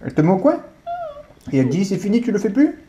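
Lively fast-talking father coaxing a child. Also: high-pitched, a little hiss or hum. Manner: gently questioning, playful, coaxing. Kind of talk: casual home chat with a young child.

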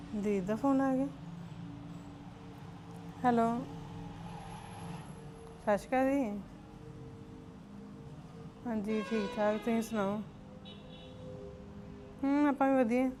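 A woman playing a chatty, defensive elder sister-in-law in a family drama. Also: a little high.

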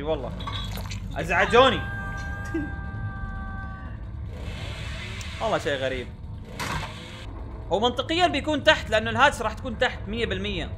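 A man's voice: high-pitched, noisy background. A young man giving gameplay commentary, exasperated and repeating himself with frequent oaths. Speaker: gaming YouTuber.

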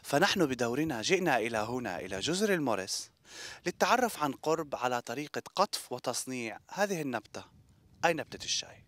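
A man's voice: mid-range voice, dry recording. A male TV reporter delivering scripted news narration and asking questions on location. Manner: brisk and lively.

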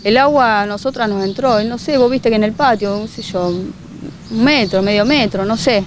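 A woman's voice: a little high, moderate pace, noisy background. A woman, a local resident telling a news reporter about her flooded home outdoors, speaking in fragmented, emotional bursts with many restarts. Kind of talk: street news interview.

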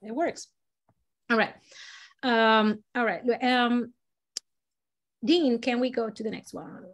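A woman from Latin America leading a storytelling workshop, explaining exercises in an animated, demonstrative way. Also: takes it slowly. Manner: animated, demonstrative, swings pitch and loudness while modeling voices. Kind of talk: teaching a live workshop.

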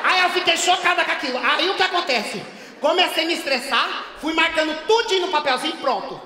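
A male comedian voicing a brash, indignant woman who is caring for her father in hospital. She talks in a loud, gossipy, dramatic way with shouting bursts in a stand-up monologue. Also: extremely high pitch, fast talker, noisy background. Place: theater stage at a live show. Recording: echoey hall, from far off.

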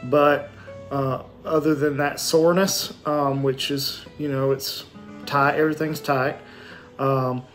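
A man in his forties giving a casual, matter-of-fact video diary, speaking haltingly with a sore throat and a swollen, numb lip and jaw. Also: a little high, little pitch movement, a bit bright, soft background music. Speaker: vlogger giving a post-surgery recovery update. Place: small indoor room at home with shelves. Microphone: phone or webcam at arm's length.

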